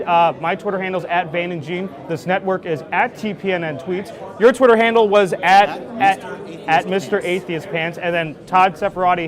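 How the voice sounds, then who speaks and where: A young man hosting broadcast news and political commentary in a conversational, emphatic presenter's delivery. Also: high-pitched. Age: young adult.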